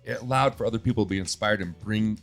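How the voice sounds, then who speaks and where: A man's voice: on the low side, fast, gravelly, faint music behind. A middle-aged man host, telling stories in casual chat and acting out quoted dialogue. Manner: animated storyteller, acts out quoted dialogue.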